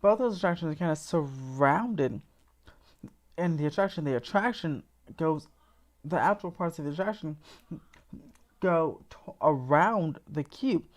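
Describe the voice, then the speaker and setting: Woman, low voice, casual livestream host, chatty, enthusiastic, a bit sleepy, restarts and little laughs. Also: animated, a little slow, long pauses. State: sleepy, yawning. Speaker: theme park livestream host.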